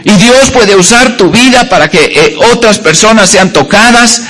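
A man's voice: high-pitched, moderate pace, bright, forceful tone. A male pastor preaching a sermon, telling homely stories and jokes with many hesitations and fillers.

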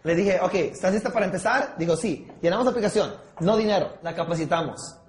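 A man's voice: high-pitched, expressive, a little fast, slight background noise. A man leading a sales training session, acting out objections with listeners and often checking they follow, mixing in English words. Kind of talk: training talk with role-play. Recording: echoey room.

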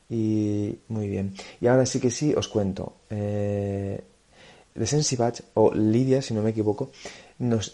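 A man's voice: fairly low pitch, mellow. A man hosting a live online show, chatty and hesitant, often repeating words as he introduces his guest. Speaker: livestream host. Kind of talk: casual live interview hosting.

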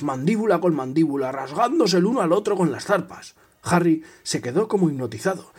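Brief: male reader with a husky, fairly high voice, dramatic storytelling, soft music underneath. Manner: expressive, dramatic storytelling, drops to a whisper at tense moments. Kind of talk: reading a novel aloud.

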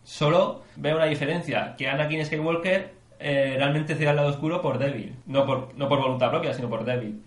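Man, casual podcast co-host, excitable, curses freely, roomy echoey sound. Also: on the high side, fairly quick, hardly any pauses. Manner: excitable, swears, weighs ideas aloud. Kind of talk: casual chat.

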